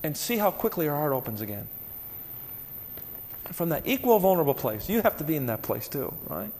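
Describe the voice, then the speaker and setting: A man's voice: on the high side, sing-song, fairly quick, a little mellow, long reverb tail, slight background noise. A man giving a spiritual lecture to a live audience, earnest and conversational, often putting questions to his listeners.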